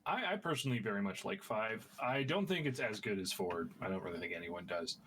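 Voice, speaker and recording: A man co-hosting a casual podcast, curious and quick, telling loose stories. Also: fairly low pitch, animated, fairly bright tone, a little hiss or hum. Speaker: podcast co-host. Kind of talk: casual chat.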